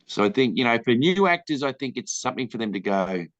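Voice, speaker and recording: A man's voice: medium pitch, expressive, quick pace, no room sound. An Australian man, a film director, answering interview questions in a candid, rambling way and acting out the people in his stories. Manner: candid, rambling storyteller who acts out quoted people. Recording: dull lo-fi dry recording.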